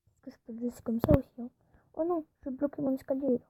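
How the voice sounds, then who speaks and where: A woman's voice: high-pitched, quick pace, warm tone, breathy edge, no echo. A woman YouTuber giving casual gameplay commentary, chatty and often dropping into whispered asides. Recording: tinny phone-like recording.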